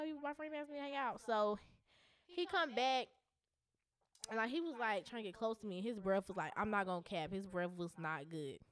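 A woman in her twenties co-hosting a casual podcast. She tells stories candidly and profanely, leaning on fillers as she talks. Her voice sits at a middling pitch. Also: a bit bright. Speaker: podcast co-host. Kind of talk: casual chat.

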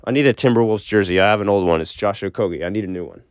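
Talking very fast in a smooth voice on the low side, a young man rambles about sports on his solo podcast, offering opinions and the occasional swear word. The recording is from inside a closet: muffled, dull, and dry, with no echo.

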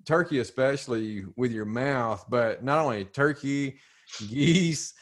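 A man's voice: medium pitch, takes it slowly. A man in his forties hosting a podcast, asking questions in an easygoing, joking way. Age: 40s. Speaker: podcast host. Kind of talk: casual podcast interview.

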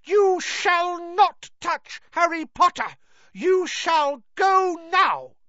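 A reader voicing a shrill, excitable male house elf who speaks of himself in the third person, in a storybook reading. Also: takes it slowly, no echo, heavily acted. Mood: shrill excited. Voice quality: shrill, squeaky. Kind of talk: audiobook character voice. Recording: dry, slightly dull lo-fi.

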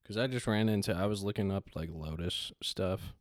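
A man's voice: deep voice, moderate pace, dry recording, studio quality. A man co-hosting a podcast in casual chat, laid-back and teasing, often laughing. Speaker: podcast co-host.

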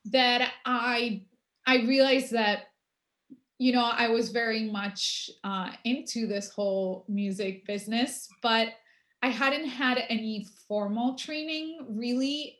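A young woman who grew up in Argentina, a musician answering interview questions in an unhurried way with many pauses. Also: on the high side. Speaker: guest musician. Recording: roomy echo.

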